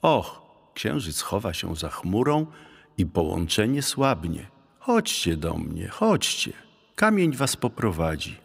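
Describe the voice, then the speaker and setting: A man's voice: sits low, big pitch swings, slow pace, gravelly, slightly rough, in a large hall, exaggerated voice. A man voicing a young female ghost who speaks through a stone, pleading in a melodic way.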